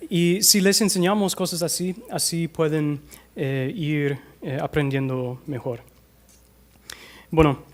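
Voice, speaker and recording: A man with an American accent gives a conference talk on language teaching, speaking into a microphone in a fairly high voice. He hesitates often between phrases and slows down to demonstrate pronunciation for the audience. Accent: American English. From United States. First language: English. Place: conference hall.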